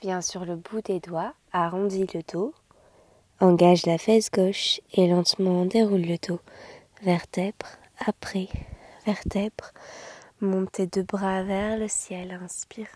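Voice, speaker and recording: A woman teaches yoga in a soothing, gentle voice. Her tone is dark and soft, breathy to the edge of a whisper. She guides slowly, with long, unhurried phrasing and a calm, narrow melody. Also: mid-range voice, dry recording. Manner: soothing, slow, gentle guidance.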